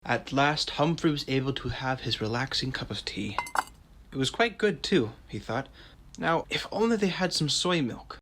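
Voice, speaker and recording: A man's voice: medium pitch, expressive, normal speed, fairly bright tone. A man narrating a comic tale as a droll, mild storybook narrator, wry and understated. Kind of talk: scripted narration. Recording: faint background noise.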